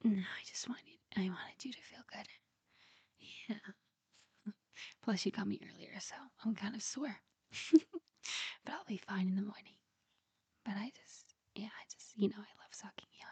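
A woman speaking in a soft, breathy whisper in an intimate roleplay recording, with frequent quiet giggles, close to the mic. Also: medium pitch, measured pace, long pauses, no room sound.

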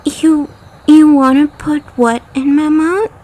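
A woman's voice: high-pitched, steady tone, slow, dark tone. A woman voicing a prim, flustered female autocorrect program in a comedic parody, talking in a melodramatic, coy and pleading way.

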